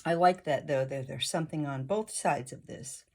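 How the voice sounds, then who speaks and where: A woman talking through her oil painting as she works, thinking aloud in a casual, unhurried way. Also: low-pitched, darkish tone. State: hiccuping. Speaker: painting instructor. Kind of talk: casual painting tutorial narration.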